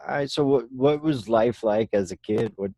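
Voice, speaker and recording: A man's voice: medium pitch, normal speed, mellow, no room sound. A man from Florida hosting a casual podcast chat, laid-back, with plenty of fillers and the odd curse word. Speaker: podcast host.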